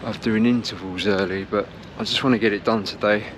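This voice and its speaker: A man's voice: lowish voice, steady tone, brisk. A man talking casually to camera outdoors, explaining things as a running vlogger. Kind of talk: casual vlog talk to camera. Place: outdoors on city streets. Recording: outdoor urban traffic noise.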